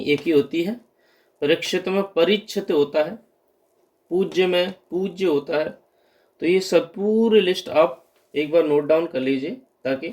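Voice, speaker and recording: Male grammar tutor, slightly higher voice, patient drilling delivery for exam prep. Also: darkish tone. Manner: explains patiently, repeating correct and wrong forms. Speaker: teacher.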